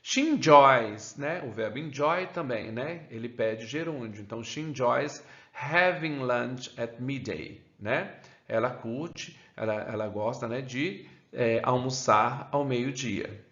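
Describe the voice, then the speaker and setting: A man with a Brazilian Portuguese accent teaches an English grammar lesson, keeps adding "né?" and says the English examples slowly. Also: medium pitch, fairly bright tone. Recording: roomy, dull lo-fi sound.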